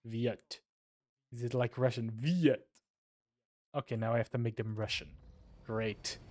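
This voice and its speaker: A man's voice: medium pitch, no echo. A man commentating live gameplay as a streamer, joking at himself and swearing and exclaiming at what happens on screen. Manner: self-mocking, swears and exclaims at the game.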